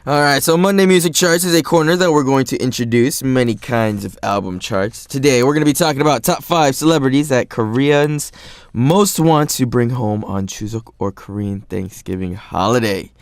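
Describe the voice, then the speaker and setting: A young man from the United States hosting a radio show in relaxed, casual chat. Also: medium pitch, moderate pace, no echo, clean studio sound. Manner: relaxed, laid-back, says "man" a lot.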